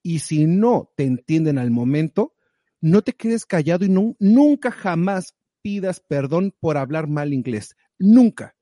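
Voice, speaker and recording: In a relaxed chat, a guest offers advice with animated, motivational directness, pushing his listener forward. He talks a little slowly, his somewhat high voice carrying a warm, mellow tone, and the sound is close and dry without any echo.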